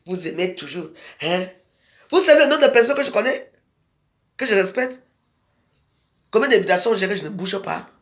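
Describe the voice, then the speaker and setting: A man's voice: high-pitched, a bit bright. A man delivering a scolding, rambling monologue to his social media followers in a confrontational way. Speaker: social media video maker.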